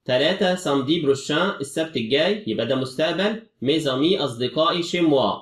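Egyptian teacher in an echoey room. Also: male voice, fairly high pitch, animated, fast talker, far from the mic. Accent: Egyptian Arabic. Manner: explains step by step, mixing French phrases into Egyptian Arabic. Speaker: French teacher. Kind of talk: exam review lesson.

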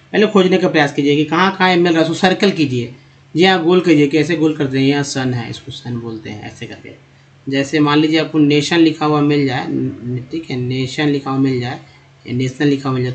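A man with a Hindi accent teaching English pronunciation in a video lesson, repeating words slowly and calling the viewers friends. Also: on the high side.

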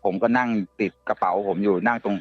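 Halting man telling a ghost story. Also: on the low side, fairly even intonation, muffled recording, soft background music. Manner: halting, repeats words and restarts often. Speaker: guest storyteller. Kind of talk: casual ghost story telling on a live show.

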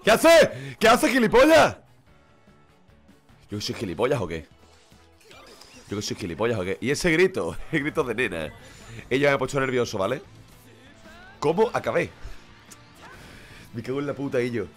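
Man, sick with a cold, live game commentary, lively up-and-down delivery, mid pitch. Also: normal speed, pauses often, soft background music. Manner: excitable, swears constantly, shouts at the game. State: sick with a runny nose. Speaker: streamer. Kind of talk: live gaming stream commentary.

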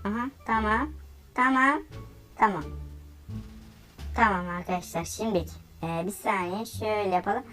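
A woman giving excitable gameplay commentary, often exclaiming and laughing as she plays. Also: mid-range voice, moderate pace, long pauses, soft background music. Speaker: gaming YouTuber.

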